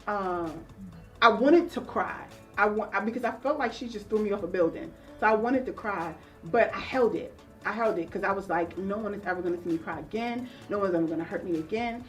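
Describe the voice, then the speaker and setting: A woman's voice: medium pitch, brisk. Woman counselor guest, earnest storyteller, slightly distant mic, faint music bed. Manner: earnest and reflective, acting out remembered voices. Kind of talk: interview storytelling.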